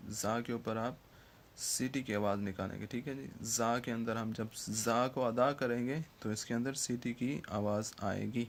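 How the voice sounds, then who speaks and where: A man's voice: mid-range voice, fairly even intonation, slight background noise. A man teaching Quran letter pronunciation in an online lesson, patiently checking in after each point and drawing out the letter sounds.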